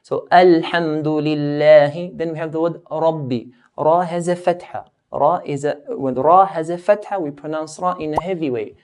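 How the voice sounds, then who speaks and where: A man giving a recorded tajweed lesson as a Quran recitation teacher, patiently repeating each sound and slowing down to demonstrate it. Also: a little high.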